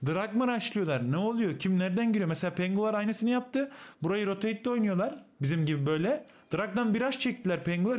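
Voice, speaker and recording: A man's voice: high-pitched, darkish tone. A man streaming and explaining a game replay to his teammates, coaching in a casual, slangy way. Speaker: streamer analyzing a match replay.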